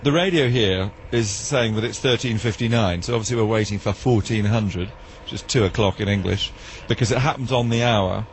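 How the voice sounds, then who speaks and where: A man's voice: lowish voice, fairly quick, hardly any pauses, slight background noise. A man presenting a radio documentary, curious and questioning as he interviews a guest.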